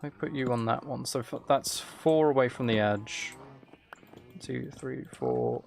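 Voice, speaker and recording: A livestream host with a medium-pitched, creaky, slightly mellow voice speaks a little slowly. He mutters to himself while playing a casual game, repeats phrases, and reads and answers messages from viewers.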